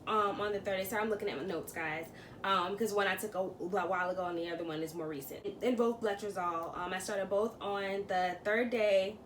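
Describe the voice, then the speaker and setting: A woman co-hosting a casual vlog chat, telling her own story in an animated way and laughing often. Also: medium pitch, reverberant, recorded from a distance, slight background noise. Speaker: co-host of a couple's vlog.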